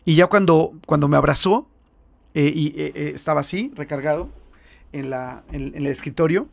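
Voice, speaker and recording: A Mexican man with a Mexican accent, a missionary guest, telling his stories in an animated way and acting out the voices. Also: a little high, normal speed, gravelly. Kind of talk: storytelling in an interview.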